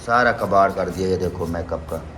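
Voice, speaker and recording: Here the young Pakistani vlogger's voice is low-pitched yet fairly bright, with a moderate pace and a tinge of accent. There's slight background noise as he talks casually to camera, sounding earnest and pleading and repeatedly asking "okay?"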